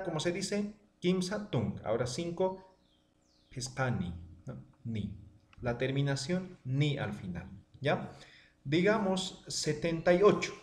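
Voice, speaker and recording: A man teaching a language lesson online, drilling words aloud and checking in with his students after almost every line. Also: echoey room. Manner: drilling words with rising then falling pitch, checking in often.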